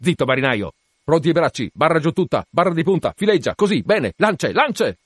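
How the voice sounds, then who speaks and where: A man voicing a fierce, obsessed whaling captain in an audiobook, shouting urgent, commanding orders to his crew in long, repeated cries. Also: medium pitch, normal speed, dry recording, clean studio sound, natural voice.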